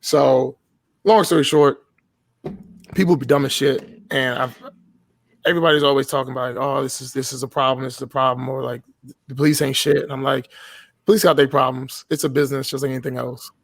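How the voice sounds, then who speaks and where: A man's voice: medium pitch, level tone, a little fast, gravelly, no echo. A man in his thirties, a podcast guest, telling casual stories in a blunt, profane way and often laughing as he talks. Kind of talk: casual storytelling.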